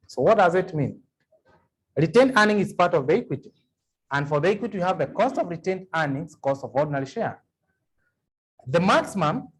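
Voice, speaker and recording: Guy tutor going through finance sums out loud, bit husky, kinda high voice. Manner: works sums aloud, asks the class questions. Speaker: accounting tutor. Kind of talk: exam revision lecture.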